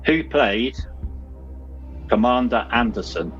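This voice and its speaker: A man's voice: medium pitch, expressive, takes it slowly, fairly bright tone. A man hosting a casual movie quiz and reading out questions, with a speech trait of saying w for r. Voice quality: can't pronounce R's properly, says w for r. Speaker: quiz host. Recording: dull lo-fi sound with music. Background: music.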